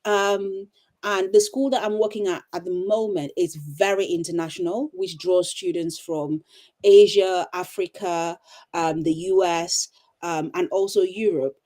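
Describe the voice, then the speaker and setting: Casting: middle-aged woman from Cameroon, low warm voice, reflective teacher type, many ums. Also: fairly even intonation, a little slow. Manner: thoughtful, with frequent ums and restarts. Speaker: teacher and coach. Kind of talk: casual interview answers. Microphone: video call.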